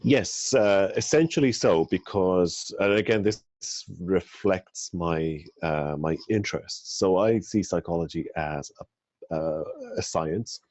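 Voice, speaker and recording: A middle-aged Irish man with a very low voice answers interview questions in a measured, reflective way, pausing often with ums and restarts. The sound is dry and a little muffled, like a remote call. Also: darkish tone, no room sound. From rural Ireland. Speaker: psychology academic guest.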